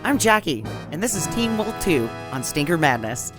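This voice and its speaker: A woman's voice: lowish voice, sing-song, moderate pace, over music. A woman co-hosting a podcast in casual banter, blunt, wry and freely profane. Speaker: podcast co-host.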